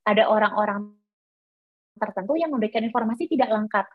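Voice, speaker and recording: A woman's voice: mid-range voice, fast talker, phone-quality sound. A woman giving an explanatory workshop lecture to teachers, often saying filler words between points. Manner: explanatory, many fillers like "nah" and "gitu ya". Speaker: teacher trainer.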